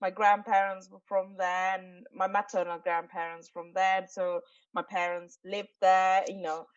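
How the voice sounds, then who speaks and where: A woman in her forties from Sri Lanka, appearing as a podcast guest, talks casually in a mid-range voice with little pitch movement. Her speech is halting, full of fillers and restarts, and she laughs often. The recording is distant, with the highs cut off.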